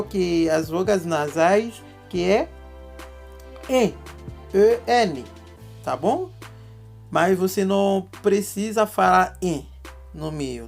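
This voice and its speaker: Slow-talking woman. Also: on the low side, gravelly. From Haiti. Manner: spells words letter by letter, checks in often with "ok?". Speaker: language teacher. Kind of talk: online language lesson.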